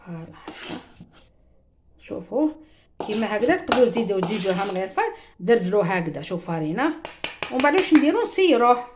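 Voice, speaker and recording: A woman's voice: medium pitch, sing-song, fast talker, long pauses, background noise. A woman with an Algerian Arabic accent gives a chatty home cooking demonstration, talking straight to her viewers and mixing in French words. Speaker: cooking show host.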